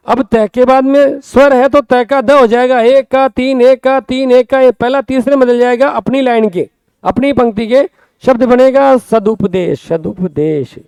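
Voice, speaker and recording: In a Rajasthani accent, a man whose voice is very high, smooth, resonant, steady and darkish walks students through Hindi grammar, slowly spelling and repeating words. Quick questions to the class come up often. It is a close, dry recording with no room sound.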